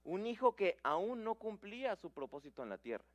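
Slightly hoarse male preacher. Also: high voice, normal speed, no echo. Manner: animated, acts out Bible quotes. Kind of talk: sermon.

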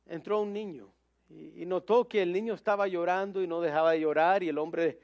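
A man's voice: high voice, fairly even intonation, fairly quick, a little mellow, muffled recording. A man preaching a sermon, telling a story conversationally with many fillers and English words mixed in.

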